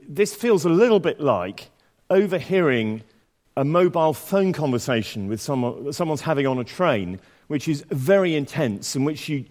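In a church with long reverb, a man preaches a sermon and reads scripture aloud. His mid-range voice is slightly croaky with a darkish tone, and his manner is conversational and self-deprecating, full of fillers and restarts.

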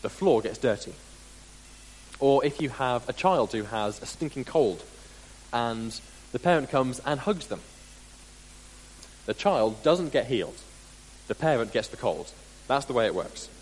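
A man preaching a sermon as dramatic storytelling, deliberate and full of pauses, with sudden drops into quiet, in a large hall. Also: medium pitch. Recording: long hall reverb, faint hum.

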